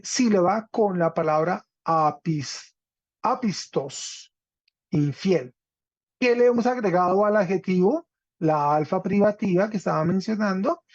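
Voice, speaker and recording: Guy teaching greek online, really slow and careful, dull dry lo-fi sound. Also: high voice, darkish tone, dry recording. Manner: explanatory, checks in with "¿cierto?". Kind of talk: online class lecture.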